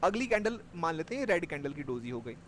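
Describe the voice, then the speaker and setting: High-voiced male trading teacher. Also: very animated, fast talker, fairly bright tone, slight background noise. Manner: explains step by step, checks understanding with students. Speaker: stock market trading teacher. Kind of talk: live class explanation.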